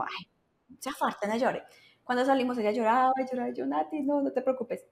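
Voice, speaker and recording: A young woman with a Colombian accent tells her story in a relaxed, chatty way. She slips into the voices of the people she quotes and keeps her telling lively. Her pitch sits in a middle range. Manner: animated, acts out quoted dialogue. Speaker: webcam model guest. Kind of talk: casual storytelling.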